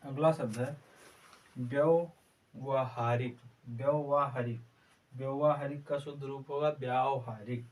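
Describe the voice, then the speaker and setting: A man teaching an exam-prep Hindi class, slowly repeating each word several times in a spelling drill. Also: mid-range voice, steady tone. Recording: distant mic with faint background noise.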